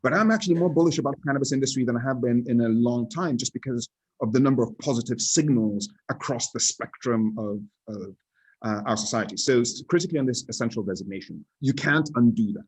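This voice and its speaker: A man speaking as an industry analyst in a casual podcast discussion, deliberate and often restarting his sentences. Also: medium pitch, slightly rough, poor audio.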